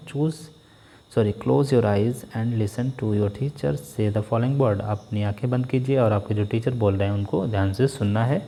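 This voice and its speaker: A male teacher with an Indian English accent. He reads English textbook lines aloud slowly and explains them quickly in Hindi. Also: mid-range voice, vocal fry, dark tone.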